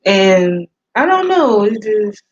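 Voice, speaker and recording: A shy, soft-spoken woman co-hosting a live chat stream, talking hesitantly. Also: medium pitch, very animated, slow, breathy edge. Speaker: co-host of a live couple's channel. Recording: dull lo-fi live-stream audio.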